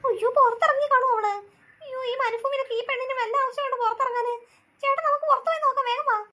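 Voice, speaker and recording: A woman voicing a fretful, shrill cartoon mother. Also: fairly even intonation, very fast, bright, forceful tone. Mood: anxious. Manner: fretful, scolding. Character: worried mother, anxious and scolding. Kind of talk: cartoon voice acting.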